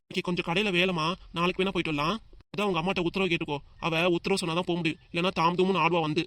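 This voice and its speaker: A woman voicing a calm, coaxing elderly grandfather who keeps the peace in a family cartoon. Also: fairly low pitch, racing, lightly acted. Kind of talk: cartoon dub acting.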